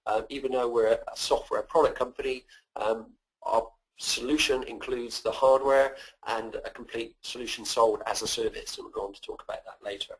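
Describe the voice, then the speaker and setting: Husky West Country Englishman presenting. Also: medium pitch, fairly even intonation, poor audio. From west of England. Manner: hesitant, halting, repeats words. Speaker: software company presenter. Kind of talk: informal webinar presentation. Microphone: phoning in to a webinar.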